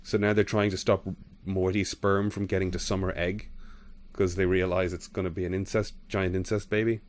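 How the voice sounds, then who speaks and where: A man's voice: low voice, level tone, normal speed. A man hosting a podcast, chatting casually and rambling as he retells scenes. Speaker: podcast host. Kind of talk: casual chat.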